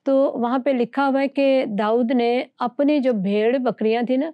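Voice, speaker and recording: A woman with a fairly high voice teaches from scripture in an earnest, conversational way. She presses her points with rhetorical questions. The sound is dry and close. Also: steady tone, dry recording, muffled recording. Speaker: Bible teacher.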